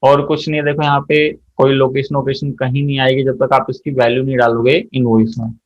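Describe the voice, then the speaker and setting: A man teaching an accounting software class, walking through each step and quizzing his students as he goes. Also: mid-range voice, little pitch movement, brisk, dull audio. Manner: explains step by step, often checks students' answers. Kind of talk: software tutorial lesson.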